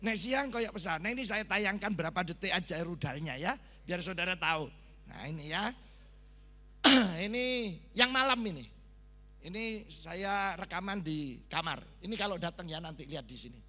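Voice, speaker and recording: Javanese pastor guy, high bright voice, acting out sounds, big church hall echo. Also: moderate pace. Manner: animated storytelling with sound effects and Javanese asides. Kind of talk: sermon testimony. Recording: long reverb of a church hall.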